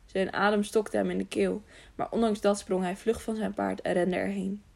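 A woman reading an audiobook aloud, with a gravelly, creaky texture in her voice. She stumbles over words now and then and goes back to correct them. Her pitch sits in the middle for a woman. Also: little pitch movement, moderate pace, darkish tone. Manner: frequent slips and self-corrections. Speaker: audiobook reader. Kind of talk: scripted narration.

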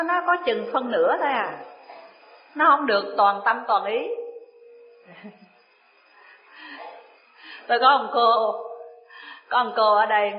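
A Buddhist woman teacher, giving a dharma talk in a chatty storytelling manner. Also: on the high side. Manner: chatty storytelling, laughs often. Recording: echoey room, dull lo-fi sound.

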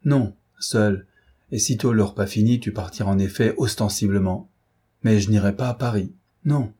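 A self-assured gentleman thief who gives orders and boasts with dry wit, as a male reader voices him. The voice sits low, with a dark, husky tone. It is a storybook reading from an audiobook. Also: moderate pace. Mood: commanding.

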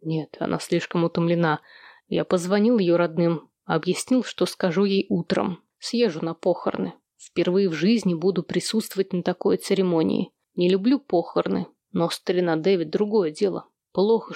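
A woman voicing a weary, gentle husband and father who speaks tiredly. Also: normal speed, vocal fry, dry recording, studio quality. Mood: sorrowful. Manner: tired, low and even.

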